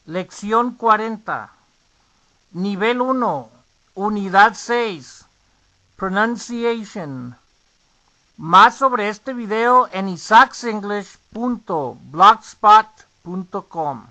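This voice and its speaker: A man's voice: high voice, animated, extremely slow, bright, forceful tone. A man teaching an English pronunciation lesson, repeating each phrase for learners to copy.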